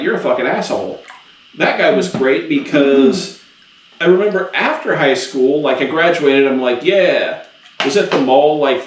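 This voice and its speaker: A slightly higher-voiced man co-hosting a casual podcast chat, blunt and sardonic, swearing freely. He sounds a step away from the mic in an echoey room with a faint hiss behind. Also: far from the mic. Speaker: podcast co-host.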